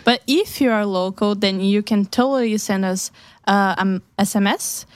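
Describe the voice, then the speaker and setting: A woman's voice: medium pitch, moderate pace, no room sound. A woman from Brazil, co-hosting a casual radio chat in a studio, giggly and upbeat. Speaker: radio co-host.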